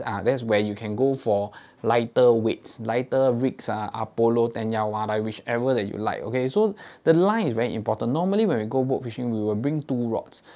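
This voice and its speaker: A man's voice: mid-range voice, warm tone. A man in his thirties with a Singaporean English accent, host of a fishing tackle shop channel, explaining gear step by step in a casual tutorial to camera, showing it with his hands and checking in with "okay?", recorded on a lapel mic in a small indoor studio. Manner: demonstrates gear with his hands while talking.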